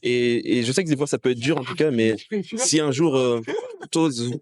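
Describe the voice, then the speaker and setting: A man's voice: medium pitch, normal speed, a little mellow. A young man in casual conversation, earnestly sharing his faith with someone, often asking "you see?" as he explains. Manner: earnest, persuasive, fillers "tu vois". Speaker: street evangelist.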